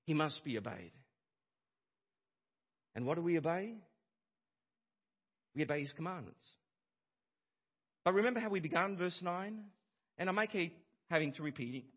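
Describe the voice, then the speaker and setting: A man preaching with a high, husky voice that rises and falls all over the place. He presses his points with rhetorical questions and repeats key lines for weight. The sound is muffled and lo-fi, like old church sermon audio. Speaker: pastor.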